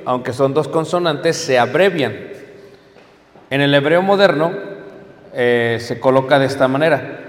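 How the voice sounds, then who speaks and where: Slow-talking man lecturing in an echoey hall. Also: mid-range voice. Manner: explains step by step, checks in with listeners. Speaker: teacher of biblical Hebrew. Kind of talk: classroom lecture. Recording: long hall reverb.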